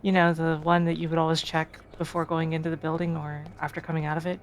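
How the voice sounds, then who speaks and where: Woman, guest co-streamer, playful, helpful, casual chat, lowish voice, faint noise. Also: monotone, quick pace.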